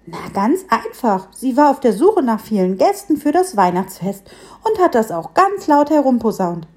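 A woman's voice: on the high side, very animated, moderate pace, a little mellow. A woman voicing a small, kind fir tree that speaks in a soothing, friendly way.

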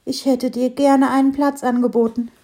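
A woman voicing a small, kind fir tree that speaks gently and with concern. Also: high-pitched, little pitch movement, normal speed, pitched above the performer's own voice. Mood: gentle. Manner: gentle, worried questions.

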